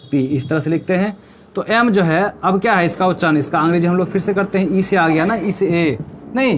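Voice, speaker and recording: Male teacher, classroom lesson, slightly high voice, keeps checking in with the class. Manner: asks the class questions and answers them himself. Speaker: English teacher. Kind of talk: classroom lesson explaining grammar.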